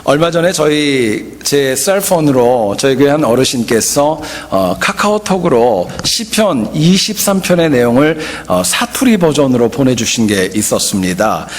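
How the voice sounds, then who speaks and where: A man's voice: mid-range voice, unhurried, hardly any pauses, long reverb tail. A man preaching a sermon as a pastor, explaining word meanings in a teacherly way. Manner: explanatory, teacherly, lively intonation.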